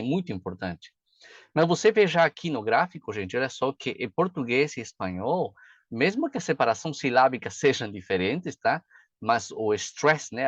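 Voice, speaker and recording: Chatty teacher, dull dry recording. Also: male voice, medium pitch, no room sound. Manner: chatty, frequent "tá?" and "né?" check-ins. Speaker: pronunciation teacher. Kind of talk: casual video lesson.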